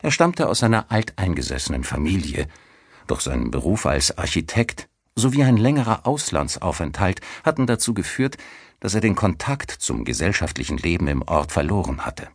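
A man's voice: deep voice, very animated, normal speed, husky, no echo. A man reading a mystery audiobook with dramatic, suspenseful storytelling into a studio mic. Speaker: audiobook narrator. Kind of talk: scripted narration.

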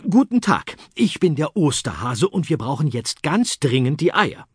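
A busy, bossy Easter Bunny barks out orders in a pinched, raised voice, as a male audiobook narrator plays him. The tone has a husky grain and stays close and dry. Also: on the high side, big pitch swings, moderate pace, no echo, voice pushed up, full character voice. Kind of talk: children's audiobook acting.

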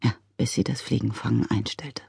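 A woman's voice: mid-range voice, sing-song, moderate pace, no echo, clean studio sound, pitched above the performer's own voice. Woman doing a sniffly meek father. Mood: mournful, fretful. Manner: sniffly, mournful, put-upon.

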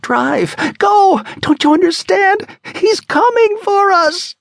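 A male audiobook narrator voicing a terrified, injured woman who pleads and screams for help in a frantic, high voice. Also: expressive, takes it slowly, creaky, no echo, clean studio sound, full character voice. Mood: panicked. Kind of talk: audiobook character voice.

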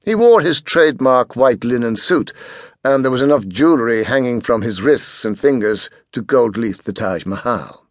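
Reading fiction at a normal pace, a man with a mid-range voice uses lively, swooping intonation in expressive audiobook fashion. The recording is close and dry, with no room sound.

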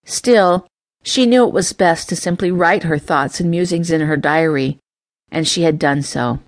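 A woman reading a romance audiobook in a gentle, measured storytelling voice. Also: fairly low pitch, no echo. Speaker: audiobook narrator. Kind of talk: scripted narration.

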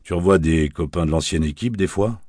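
A man's voice: low voice, brisk, a little mellow, no echo. A man voicing a world-weary, wisecracking male private detective with dry, sardonic talk.

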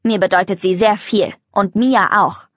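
Brief: gruff, proud old farmer grandpa, read by a woman for a kids' audiobook, dry sound. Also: mid-range voice, fairly even intonation, a little slow, no room sound, close to an everyday voice. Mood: earnest. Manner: gruff, plainspoken. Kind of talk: storybook reading.

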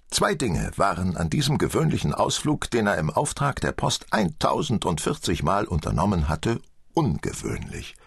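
A man narrating an audiobook in expressive storytelling fashion. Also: sits low, creaky, slightly rough, no room sound, clean studio sound.

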